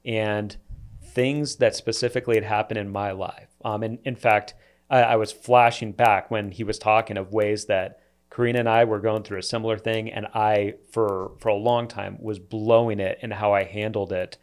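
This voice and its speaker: This pastor's lowish voice stays steady and clean as he talks at a moderate pace. Joining a casual church podcast discussion, he's earnest and reflective, often starting sentences over.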